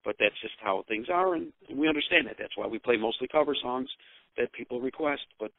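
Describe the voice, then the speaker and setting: An American man speaking over the phone as a musician giving casual interview answers, rambling and pausing often. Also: mid-range voice, gravelly, no room sound. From Utica, New York, United States. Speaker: rock band musician and songwriter being interviewed. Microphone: telephone. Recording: dull, narrow-band phone line.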